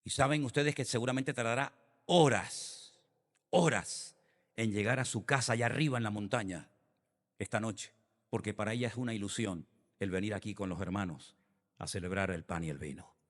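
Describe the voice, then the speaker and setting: A man with a Canarian Spanish accent, preaching a sermon as a pastor, swinging between impassioned high peaks and hushed prayer. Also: moderate pace. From Canary Islands, Spain. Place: church sanctuary. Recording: church hall with long reverb.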